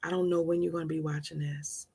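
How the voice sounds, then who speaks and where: A woman's voice: sits low, little pitch movement, fast talker, gravelly, dark tone, breathy edge. A woman in her forties hosting a live stream, giving a heartfelt motivational talk with earnest, repeated, preacher-like emphasis. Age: 40s.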